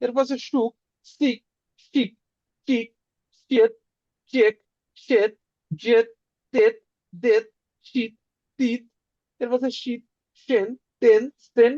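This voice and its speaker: A woman with a fairly high voice leads a beginner language lesson. She says each sound twice and asks quiz questions. The recording is dry and a little muffled. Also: fairly even intonation, moderate pace, long pauses, dry recording. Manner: drills sounds with repetition and quizzing questions. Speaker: language teacher.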